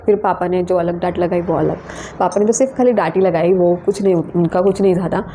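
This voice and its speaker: A young woman vlogger telling a personal story in a chatty, animated way, full of casual fillers. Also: lowish voice, fairly quick, dull audio, a little hiss or hum.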